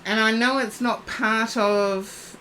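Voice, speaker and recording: A woman's voice: on the high side, steady tone, slow, sharp tone, slight background noise, low-quality recording. A woman giving psychic readings on a live stream, chatting and addressing viewers by name. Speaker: psychic reader.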